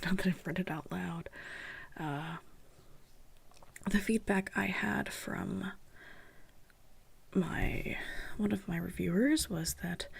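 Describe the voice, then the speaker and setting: A young woman hosting a writing vlog, speaking mostly in a soft whisper as she reads her old prose aloud. She sounds sleepy and keeps yawning. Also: mid-range voice, creaky, breathy edge. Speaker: writing channel host.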